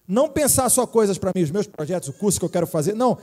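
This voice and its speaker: Middle-aged Brazilian man, pastor, joking chatty sermon, high voice, mellow tone, long hall reverb. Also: expressive, fast talker. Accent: Brazilian Portuguese. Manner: joking, chatty preaching with many tag questions. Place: church hall.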